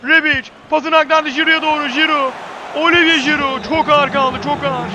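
A man doing live football play-by-play as an excitable commentator who screams players' names at big moments. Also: very high-pitched, normal speed, a crowd in the background.

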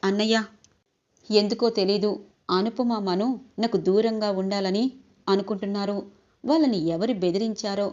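A woman's voice: medium pitch, fairly even intonation, normal speed, long pauses, a little mellow, close to an everyday voice. A woman voicing a lonely, troubled middle-aged man who speaks in a subdued, bewildered way. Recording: dull lo-fi recording.

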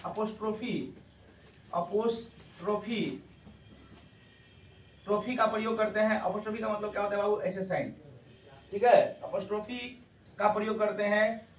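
A man teaching English grammar to a class, calling students "babu" and quizzing them loudly. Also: high voice, slight background noise. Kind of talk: classroom lecture. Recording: echoey classroom from far off.

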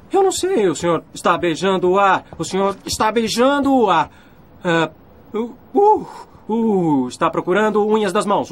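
A man dubbing an earnest young groom in a film, guessing quickly and excitedly. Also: high-pitched. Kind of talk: dubbed film acting.

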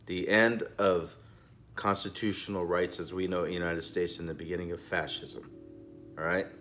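Speaking at a moderate pace with a flat delivery, this forties-aged cigar channel host has a low, slightly bright voice. He rants casually but with emphasis and indignation, gesturing broadly, from a cramped indoor room piled with boxes.

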